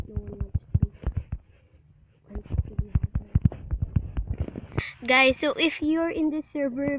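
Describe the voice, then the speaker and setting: A woman's voice: a little high, narrow, tinny audio. A woman who sounds under the weather, giving casual commentary as host of a gaming video. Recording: noisy home recording with clicks.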